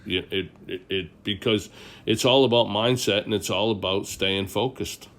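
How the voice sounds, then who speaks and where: A man's voice: lowish voice, moderate pace, a bit bright. A middle-aged man, a hunting guide telling stories emphatically in a casual interview and often repeating words as he starts a sentence. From Maine.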